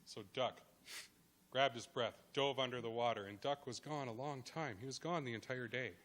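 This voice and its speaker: Bright-voiced man telling a legend. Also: mid-range voice. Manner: dramatic pauses, rhythmic repetition. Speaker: guest speaker. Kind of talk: oral storytelling.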